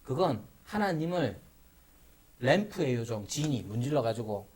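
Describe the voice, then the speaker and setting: A man's voice: mid-range voice, big pitch swings, a little slow, darkish tone. A man, a pastor, teaching a Bible study class in a church classroom, asking rhetorical questions and acting out playful mock prayers.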